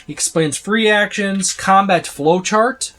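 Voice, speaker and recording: Browsing as he goes, a man reviewing tabletop game books rambles through an unscripted, casual walkthrough, listing items along the way. His voice is high and a bit bright, his pace measured, with a little background noise.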